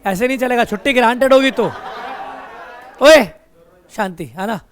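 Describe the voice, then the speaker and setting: Speaking at a moderate pace in a very high, slightly bright voice, this male teacher explains material while joking with and scolding his students. There's slight background noise along with the students' chatter.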